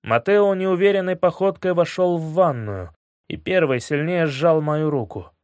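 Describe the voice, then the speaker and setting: A man reading a first-person story aloud in a measured way, dropping low and quiet on grim moments. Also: no room sound, studio quality. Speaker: audiobook narrator.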